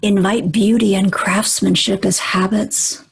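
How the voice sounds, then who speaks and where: With a medium-pitched voice and fairly even intonation, a woman leads a guided meditation. She speaks in a gentle, unhurried way with long pauses, and her husky, breathy voice frequently drops almost to a whisper.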